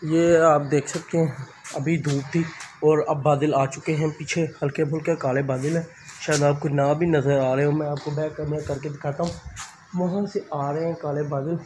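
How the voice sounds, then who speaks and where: This young adult man speaks on the high side, his tone steady and a little mellow, at a moderate pace. He's vlogging casually, rambling straight to a phone at arm's length, first up on a rooftop and later in a small room. Outdoor ambience and noise fill the phone recording.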